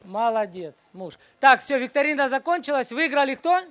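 A woman teaching at a children's church, running a brisk Bible quiz and then a short sermon, and she keeps hushing the noisy group. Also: high-pitched, animated.

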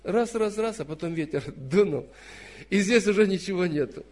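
A man in his fifties preaching a sermon, emphatic, dropping to soft asides and then rising to loud stressed phrases. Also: high-pitched, expressive, moderate pace. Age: 50s.

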